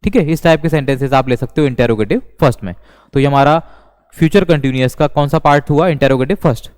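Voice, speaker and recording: Man, grammar teacher, smooth resonant voice, slow and repetitive, reverberant room. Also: medium pitch, a little mellow. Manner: slow, deliberate, repeats each sentence. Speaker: English teacher. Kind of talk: classroom grammar lesson. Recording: long reverb.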